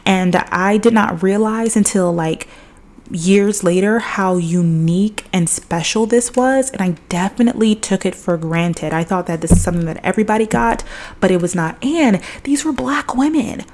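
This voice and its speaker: A woman's voice: medium pitch, moderate pace, a little mellow. A young woman hosting her own podcast, telling a personal story in a chatty, reflective way, with lots of "like". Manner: chatty, reflective, heavy use of "like". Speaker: podcast host. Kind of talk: casual solo podcast storytelling.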